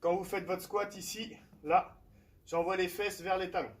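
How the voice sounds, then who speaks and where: A man's voice: high voice, little pitch movement, moderate pace, slight background noise, poor audio. A man, a fitness coach, explaining and demonstrating home workout exercises, often checking in with his listeners. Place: outdoor terrace at home.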